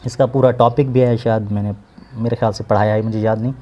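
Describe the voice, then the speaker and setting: A man teaching an English lesson, slowly translating word by word and repeating each meaning with synonyms. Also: medium pitch, steady tone, warm tone, highs cut off. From Pakistan. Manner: slow, explanatory, repeats words and gives synonyms.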